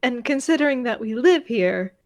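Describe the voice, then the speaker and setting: A woman playing a tabletop game, speaking for her character in a measured, deliberate manner. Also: on the high side, expressive, a little mellow, dry recording, studio quality.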